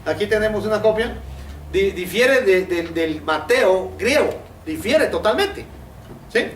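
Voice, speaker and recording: High-voiced man lecturing. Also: expressive, unhurried. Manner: many fillers and repeated rhetorical questions. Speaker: teacher. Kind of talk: Bible study lecture. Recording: roomy, distant mic with faint noise.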